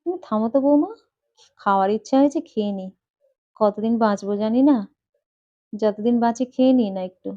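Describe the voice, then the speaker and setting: A woman's voice: on the high side, fairly quick, pauses often, no room sound, dull audio, natural voice. A woman voicing a fussy elderly aunt-in-law who insists on eating meat, talking stubbornly and pleading.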